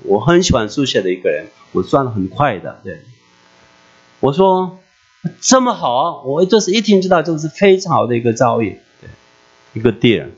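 A man preaching a personal testimony in an emotional, animated way, turning often to ask his listeners questions. His voice sits at an ordinary middle pitch. The recording is dull and lo-fi, with mains hum beneath it. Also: a little fast, husky.

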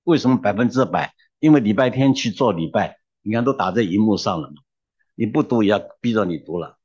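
A man's voice: fairly low pitch, lively intonation, brisk, darkish tone, breathy edge, highs cut off. A man preaching a sermon, emphatic and exhorting, who drops into humorous storytelling.

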